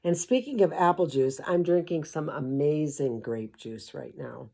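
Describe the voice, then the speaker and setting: A grandmotherly older woman with a somewhat low voice reads a kids' picture book for grown-ups. She keeps stopping for sarcastic, wandering asides and throws in the odd swear word, unimpressed by the story. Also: lively intonation, unhurried, gravelly, dark tone. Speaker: host reading a children's book aloud. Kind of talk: comic storybook commentary.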